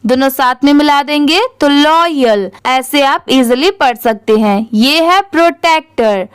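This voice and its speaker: A woman teaches English reading in a high voice, spelling each word out letter by letter before she blends it. She speaks slowly and patiently, and the recording is dry with no room echo. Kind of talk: slow spelled-out reading lesson.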